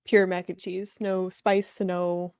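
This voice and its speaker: A woman's voice: on the low side, little pitch movement, slow pace, darkish tone, smooth, no room sound. Easygoing woman co-host, dry close mic. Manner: easygoing, reads chat comments aloud. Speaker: co-host guest. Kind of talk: casual livestream chat.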